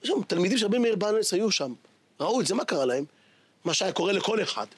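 Brief: male rabbi preacher, dramatic exclamatory sermon, high lively husky voice. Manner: dramatic, exclamatory, shouts for emphasis. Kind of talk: sermon storytelling.

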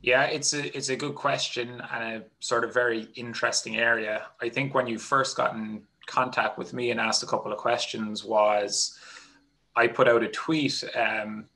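A man's voice: medium pitch, moderate pace, low-quality recording. A man in his thirties with an Irish accent, a strength coach explaining his work steadily over a headset on a video call. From Ireland. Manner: steady explanatory talk with many "kind of" fillers. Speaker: golf strength and conditioning coach. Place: small home room.

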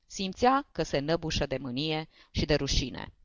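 A woman with a fairly low voice narrates a story for an audiobook, measured but lively in pitch. The recording is dry and slightly dull, with a lo-fi edge. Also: no echo.

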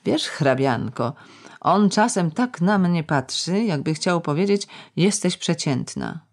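An audiobook reader voicing a bitter, tipsy middle-aged woman who rambles in a sardonic, ironic way, drawing out words slowly. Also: lowish voice, expressive, full character voice. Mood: mocking. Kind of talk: audiobook character reading.

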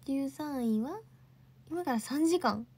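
A woman's voice: high voice, expressive, slow pace, warm tone. A young woman hosting a casual livestream, chatting and answering viewer comments. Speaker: idol livestream host.

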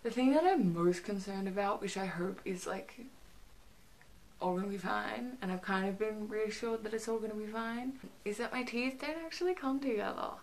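A woman's voice: medium pitch, normal speed, a little mellow, a little hiss or hum, rough recording. A young woman chatting casually to camera in a rambling, hesitant way, her articulation a little restricted by a stiff jaw after surgery. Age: young adult. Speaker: vlogger. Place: small bedroom, indoors.

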